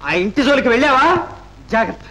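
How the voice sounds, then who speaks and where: An actor playing a principled young man in a 1960s film, soft-spoken and restrained. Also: very high voice, quick pace. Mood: indignant. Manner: subdued and soft-spoken, flaring into indignant outbursts. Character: upright young man, quiet but fiercely principled. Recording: old film soundtrack with faint music.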